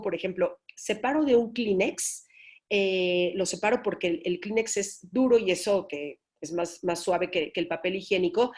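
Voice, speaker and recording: A woman's voice: medium pitch, a little mellow. A woman speech therapist giving an informal talk to parents, often checking in with "¿sí?". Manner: explanatory, checks in with "¿sí?". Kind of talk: informal lecture.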